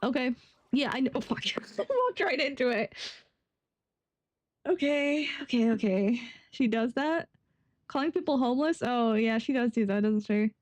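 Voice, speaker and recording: Relaxed woman game streamer, quick to laugh and swear, slightly high voice, dry close-miked sound. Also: no echo. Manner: laid-back, laughs often, swears casually. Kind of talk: casual live-stream chat.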